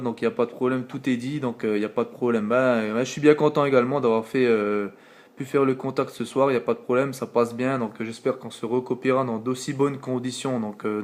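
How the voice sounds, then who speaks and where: Speaking fairly quickly in a steady mid-range voice, a Frenchman on a late-night CB radio call chats casually and leans heavily on fillers. Sitting at home, this operator uses his radio microphone while a phone records the scene.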